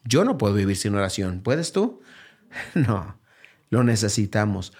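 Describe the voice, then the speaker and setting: A man preaching a sermon as pastor. He drives his points home with repeated rhetorical questions, dropping low and quiet, then rising to a raised, urgent appeal. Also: very animated, measured pace, slightly rough. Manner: swings between low, quiet phrases and raised, higher exhortation.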